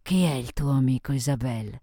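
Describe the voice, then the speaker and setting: A man voicing a very drunk, arrogant young woman who is loud and crude, in an audiobook reading. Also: mid-range voice, moderate pace, no echo, clean studio sound, natural voice. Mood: sluggish. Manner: loud, slurring, crude taunts.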